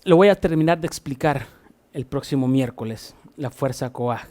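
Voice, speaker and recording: A pastor from Honduras with a Honduran Spanish accent, preaching a sermon. He repeats key phrases and moves between forceful rising passages and quiet, low asides. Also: normal speed. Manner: swings from loud emphatic repetition to soft low asides.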